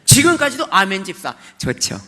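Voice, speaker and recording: A man's voice: high-pitched, wildly swooping pitch, moderate pace, bright, forceful tone. A middle-aged man, a church deacon, giving a testimony with dramatic acted-out prayers and cries of amen. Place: church service hall. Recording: long church hall reverb.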